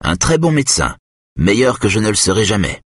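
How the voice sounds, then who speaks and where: A man with a husky voice reading an audiobook and voicing a nervous, pushy male doctor colleague. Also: lowish voice, sing-song, brisk, no echo, voice pushed up. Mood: anxious. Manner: nervous, pleading. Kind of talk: audiobook character voice.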